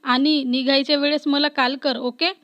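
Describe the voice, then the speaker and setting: A woman's voice: sits high, flat delivery, moderate pace, fairly bright tone, highs cut off. Woman voicing a caring, emotional young woman. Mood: teasing.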